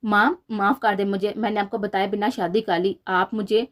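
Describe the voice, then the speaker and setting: A woman's voice: medium pitch, fairly even intonation, a bit bright, natural voice. A woman reading the lines of a young adult son, a police officer, who talks in an apologetic, coaxing way. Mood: pleading.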